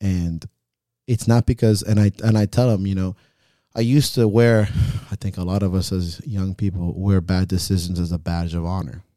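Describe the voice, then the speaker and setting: A man's voice: sits low, steady tone, normal speed, warm tone, no room sound, studio quality. A man hosting a podcast as a coach, talking in a frank, reflective way and swearing freely. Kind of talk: casual podcast chat.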